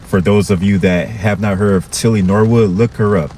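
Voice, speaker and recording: A man's voice: fairly low pitch, steady tone, normal speed, darkish tone, a little hiss or hum. A man from Florida, talking casually to his viewers and often checking in with "okay". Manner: conversational, repetitive, addresses viewers with "okay". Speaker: vlogger.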